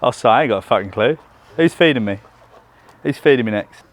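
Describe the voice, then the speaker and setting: A young man coaching and hosting a casual vlog, chatty and relaxed with frequent fillers. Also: mid-range voice, fast. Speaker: bodybuilding coach and channel host.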